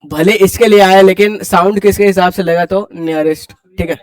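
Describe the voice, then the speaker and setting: Brisk high-voiced male classroom teacher. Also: fairly even intonation, clean tone, no room sound. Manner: brisk, quizzing students and urging them to hurry. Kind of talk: classroom grammar lecture.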